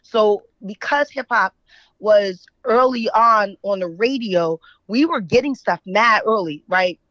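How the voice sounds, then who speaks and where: A middle-aged woman from West Philadelphia, a writer guesting on a radio show, reminisces in casual interview chat with a mixed Philadelphia and New York accent. Her mid-range voice keeps a measured pace as she tells animated, slangy stories, often checking in with "right?". The recording is dry, a little dull and muffled.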